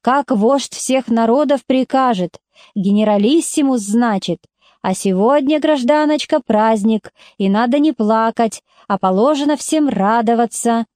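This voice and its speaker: A woman's voice: a little high, measured pace, a little mellow, no echo, studio quality, natural voice. A woman reading aloud and voicing a stern male militiaman who talks in a bureaucratic, by-the-book way.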